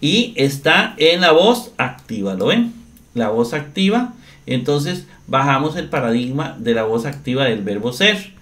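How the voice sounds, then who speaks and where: Slow, deliberate male grammar teacher. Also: mid-range voice, very animated, fairly bright tone. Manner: slow, deliberate, often asks "¿verdad?". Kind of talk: screen-share grammar lesson.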